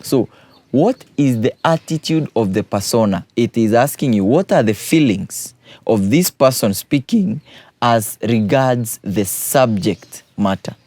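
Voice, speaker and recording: A man's voice: medium pitch, animated, measured pace, mellow, no room sound. A man, a teacher patiently explaining poetry exam questions and repeating key points.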